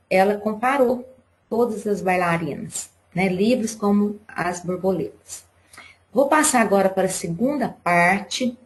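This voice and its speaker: A woman teacher giving a live online class to young pupils, explaining patiently and step by step. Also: medium pitch.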